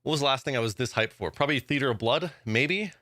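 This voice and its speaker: A man giving a casual vlog update as a gaming YouTuber, excited and rambling with lots of fillers. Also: medium pitch, fast talker, no echo, clean studio sound.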